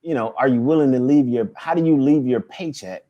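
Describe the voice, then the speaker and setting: A man's voice: mid-range voice, fairly quick, dull audio. Chatty man in his thirties, podcast host. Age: 30s. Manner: loose and conversational, many fillers and restarts. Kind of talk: casual podcast chat.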